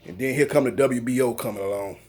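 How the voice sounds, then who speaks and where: A man's voice: mid-range voice, quick pace, darkish tone, slightly rough. A man hosting a boxing news channel, giving casual, rambling, opinionated commentary with many fillers and restarts.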